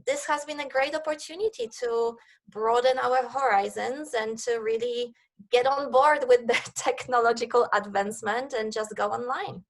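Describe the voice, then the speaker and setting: A woman's voice: fairly high pitch, normal speed, creaky. A woman in her thirties from Poland, speaking with a Polish accent, answering interview questions eagerly over a video call. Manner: enthusiastic, eager. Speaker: guest, networking coach.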